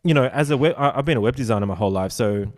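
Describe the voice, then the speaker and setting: A man in his forties hosting a casual podcast interview, asking rambling questions with halting restarts, fillers and casual swearing. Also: mid-range voice, animated. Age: 40s. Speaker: podcast host.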